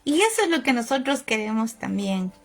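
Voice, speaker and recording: A woman's voice: fairly high pitch, big pitch swings, normal speed, soft background music. A woman preaching a sermon, telling a story and acting out the voices in it.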